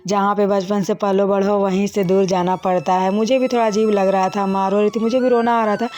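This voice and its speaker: A woman's voice: medium pitch, little pitch movement, a little fast. Chatty young woman. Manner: chatty, addresses viewers as friends, many fillers. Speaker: vlogger narrating her own wedding video. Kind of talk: casual voice-over narration.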